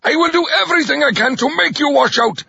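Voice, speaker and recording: A man voicing a fat, gleefully cruel male drill sergeant with a rasping voice who barks and growls orders in a dull lo-fi recording. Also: extremely high pitch, quick pace, pushed and bright, no echo, pitched above the performer's own voice, exaggerated voice. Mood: menacing.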